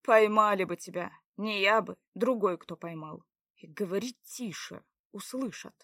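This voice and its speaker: A woman voicing a brooding young man, an exiled guard who is lovesick, speaking low, slow and somber. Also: fairly bright tone, dry recording, studio quality. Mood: earnest.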